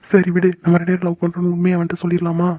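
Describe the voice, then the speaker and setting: A man's voice: high voice, monotone, racing, warm tone, no echo. A man voicing a possessive but tender young boyfriend in a cartoon. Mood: worried. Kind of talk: cartoon voice acting. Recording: dull lo-fi dry recording.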